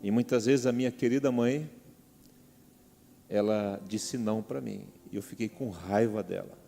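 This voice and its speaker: A man's voice: on the low side, unhurried, gravelly. A middle-aged man with a Brazilian Portuguese accent preaching a sermon as pastor. He talks animatedly, calls out to the congregation and acts out quotes. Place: large church hall. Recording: reverberant church hall with soft music.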